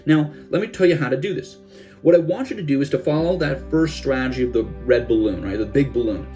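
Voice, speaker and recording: A man's voice: mid-range voice, fairly quick, a little mellow, soft background music. A young man, a self-help coach, giving a casual instructional talk and now and then dropping into gloomy voices of the listener's thoughts.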